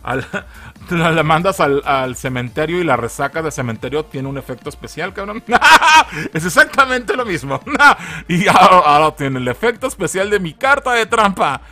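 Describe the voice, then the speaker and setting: A man's voice: fairly high pitch, sing-song, normal speed, bright, forceful tone. A man with a Mexican Spanish accent giving a casual spoken video review, joking, swearing and laughing often.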